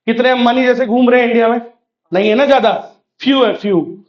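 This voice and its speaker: A man with a very high voice gives a revision lecture for exam students. He keeps posing questions to the class and answering them himself, now and then pushing them to write points down. The recording sounds roomy and a little dull. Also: a little fast. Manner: conversational teacher, mixing in memorisation drills. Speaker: commerce exam tutor.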